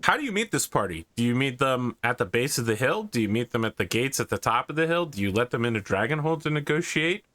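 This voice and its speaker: A man's voice: mid-range voice, big pitch swings, quick pace, hardly any pauses, a bit bright, no echo. A man acting as game master, narrating and talking through a tabletop fantasy game.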